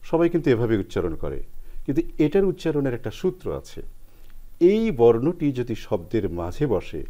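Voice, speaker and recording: A man's voice: medium pitch, sing-song, normal speed, warm tone, dull audio. Man explaining pronunciation rules. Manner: careful, spells out sounds and rules step by step. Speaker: language expert guest.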